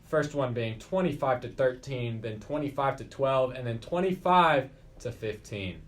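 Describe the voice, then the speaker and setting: A man's voice: medium pitch, animated, measured pace. A teenage boy co-hosting a casual school podcast, reading sports scores and joking around with his co-host.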